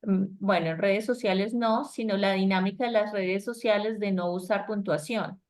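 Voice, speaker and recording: A woman's voice: mid-range voice, steady tone, moderate pace, darkish tone. Patient woman teaching on a video call. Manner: explains patiently, often checks in with "¿cierto?". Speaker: English teacher. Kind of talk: online class explanation.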